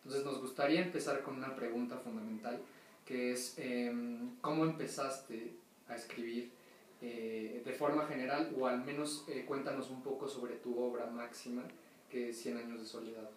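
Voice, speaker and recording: A man's voice: mid-range voice, steady tone, normal speed. A man interviewing a guest, asking questions in a hesitant way with many fillers. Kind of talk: staged interview. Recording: very echoey, distant, faint noise.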